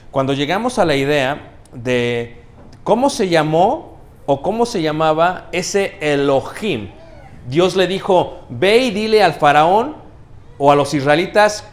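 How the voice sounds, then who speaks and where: A man preaching a teaching sermon in a church. He asks the congregation questions, adds "ok?" often, and stresses key words slowly. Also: on the high side. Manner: checks in with the congregation, asking questions and saying "¿ok?".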